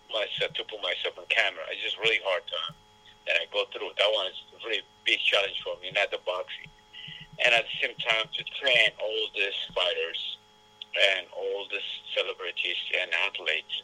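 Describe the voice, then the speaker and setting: A man with an Ethiopian accent, a boxing coach whose first language is Amharic, speaking haltingly in an interview. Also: sits low, sharp tone, husky, rough recording. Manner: halting, repetitive phrasing in a second language. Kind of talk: casual interview talk.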